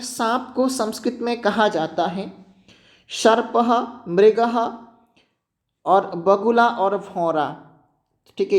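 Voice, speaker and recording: A man teaching an exam-prep lesson, often checking in with students and reminding them to keep points in mind. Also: high voice.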